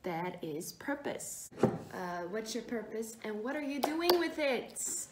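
A woman's voice: fairly high pitch, big pitch swings, slow. A young woman talking to camera in a casual vlog, chatty and upbeat, with lots of fillers. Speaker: vlogger and radio host. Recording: noisy camera audio.

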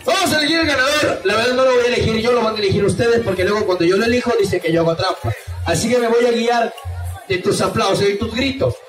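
A male street clown hosts with silly, teasing patter in a high voice. He works the audience like a showman. Loud music plays and the sound is echoey, out in a plaza. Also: fast talker. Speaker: street clown, show host. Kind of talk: comic street show hosting with audience participation. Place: outdoor town plaza by a bandstand at night. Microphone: far camera. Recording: outdoor crowd noise, loud music, distant echoey mic. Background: loud music and crowd.

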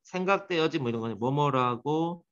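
A man teaches English grammar to a classroom, his fairly high voice leaping around with animated swings. He quizzes and teases his students by name between points. The recording is dull and lo-fi. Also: measured pace.

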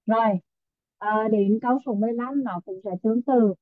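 A woman's voice: a little high, normal speed. A woman teaching an online English class, coaxing her students and echoing their answers. Her voice comes through a narrow, tinny line with no room sound around it. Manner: coaxing, calls on students, repeats answers back. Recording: tinny phone-like online audio.

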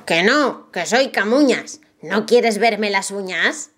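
Storybook wizard, old and stubborn, played by a woman, indignant and slow, with a lively pitch. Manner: slow, drawn-out indignant protests.

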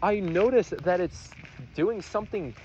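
A man's voice: high-pitched, measured pace, a little mellow, slight background noise, poor audio. A man rambling through a casual, profane monologue while walking outdoors on roads. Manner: rambling, profane, self-mocking. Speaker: vlogger.

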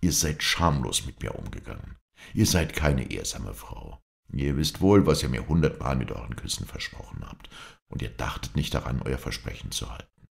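A man's voice: a bass voice, sing-song, normal speed, gravelly, full character voice. A man voicing a young sculptor, a jilted lover speaking in bitter, proud accusations.

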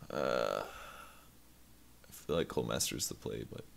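Deep gravelly male streamer. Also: measured pace. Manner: self-deprecating, swears casually. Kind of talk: casual gameplay commentary.

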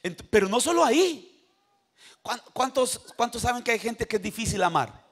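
An older man preaching a sermon in a church, animated, with sudden shouts and call-and-response to the congregation. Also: extremely high pitch, normal speed. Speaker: pastor.

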